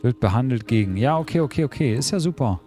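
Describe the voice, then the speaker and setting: A man's voice: medium pitch, lively intonation, fast, warm tone, soft background music. A man giving casual gameplay commentary, talking to himself in a puzzled, joking way. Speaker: let's play commentator.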